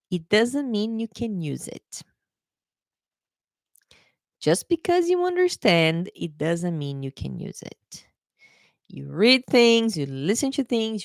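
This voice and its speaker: In studio-quality audio with no echo, a young adult woman with a lowish voice runs a live-streamed exam prep lesson. She is an English teacher from Brazil with a Brazilian Portuguese accent who chats along, repeats the key points, and calls viewers "guys."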